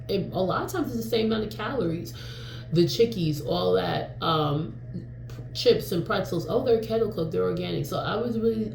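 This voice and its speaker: A New York woman in her 40s talks to the camera in a loose, candid vlog, full of fillers and an odd curse here and there. She has a deep, creaky, darkish voice. The low-quality recording carries room echo and a slight hiss or hum.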